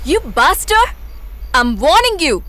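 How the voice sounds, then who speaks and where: Brief: a haughty, menacing high-status woman, sharp and very high, lively pitch. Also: drawn-out words, dry recording, exaggerated voice. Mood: angry. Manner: haughty, threatening, mixes English in. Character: proud, ruthless woman of status. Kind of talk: film drama acting. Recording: film scene with music score.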